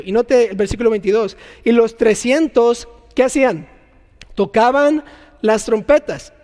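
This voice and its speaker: A man preaching a sermon in an animated way, acting out scenes and making sound effects. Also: very high-pitched, in a large hall.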